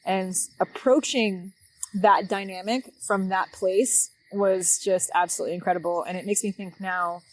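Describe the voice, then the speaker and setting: A woman's voice: mid-range voice, fairly even intonation, low-quality recording. A young woman telling a personal story in a casual, reflective way, with frequent fillers. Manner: reflective, unhurried, many fillers. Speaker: guest telling her story.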